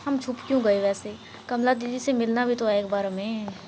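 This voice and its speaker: A woman's voice: on the high side, fairly even intonation, normal speed, darkish tone, slight background noise. A woman with an Indian accent hosting a horror game playthrough, chatting and teasing the ghost, with bits of English. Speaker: gaming video host. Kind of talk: playing a horror game on camera.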